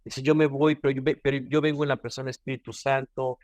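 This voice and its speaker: Mexican male devotional speaker, mid-pitched, earnest, dry close sound. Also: flat delivery, quick pace, darkish tone, no echo. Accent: Mexican Spanish. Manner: earnest, repeats and restarts phrases. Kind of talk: devotional teaching.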